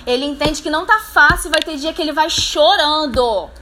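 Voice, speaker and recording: A woman pastor preaches to a church audience with a high, ringing, forceful voice. She is lively and playful and speaks straight to the people in front of her. A faint hiss sits under the recording. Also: normal speed. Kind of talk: sermon at a church leadership meeting. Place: church meeting room with a live audience.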